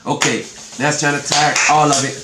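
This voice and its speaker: A man hosts a homemade challenge in casual chat, giving short instructions that he often repeats. The room is echoey and there is clear noise in the background. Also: on the high side, little pitch movement, fairly quick. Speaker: challenge host. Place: small room at home. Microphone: camera a short distance away.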